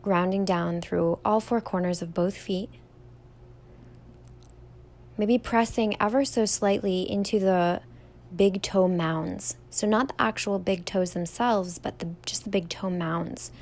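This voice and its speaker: This is a young woman, a yoga teacher, talking listeners through a standing meditation. She is unhurried, gentle and soothing, drawing each word out softly, at a medium pitch.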